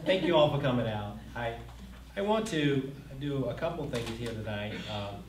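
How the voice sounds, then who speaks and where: Older man giving a relaxed lecture. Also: mid-range voice, moderate pace. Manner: relaxed, conversational, joking, with many fillers. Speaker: community college president, guest speaker. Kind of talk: informal lecture address. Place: lecture hall with an audience. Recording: echoey hall, mic from far off, faint noise.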